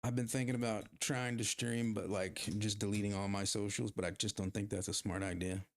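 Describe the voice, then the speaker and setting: This is casual livestream chatter from a man whose fairly low voice stays flat in pitch and runs a little fast. A slight hiss or hum sits on the recording as he rambles, teases himself, and talks to viewers mid-game.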